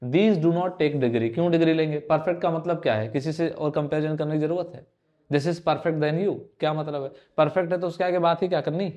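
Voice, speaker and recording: A man's voice: a little high, moderate pace, dark tone, highs cut off. Man teaching grammar with rhetorical questions. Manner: rhetorical questions, teasing, conversational. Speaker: exam prep teacher. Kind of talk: online grammar lesson.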